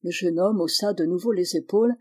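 A woman calmly narrating a novel in a measured storytelling voice. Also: lowish voice, slightly rough. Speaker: audiobook reader.

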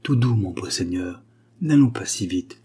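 A man's voice: medium pitch, normal speed, dark tone, husky, lightly acted. A man voicing a proud, mocking ghostly young widow in an audiobook, raising his voice and slipping into whispers. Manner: teasing, wistful, half-whispered. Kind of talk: audiobook reading.

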